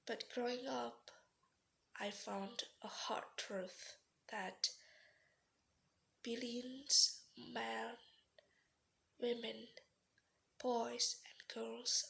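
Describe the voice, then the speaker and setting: Young woman, Indonesian accent, slow rehearsed speech, raised pitch, earnest with restarts. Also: steady tone, gravelly, sharp tone, poor audio. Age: young adult. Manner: earnest, pausing, with slips and restarts. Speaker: student giving a practice speech.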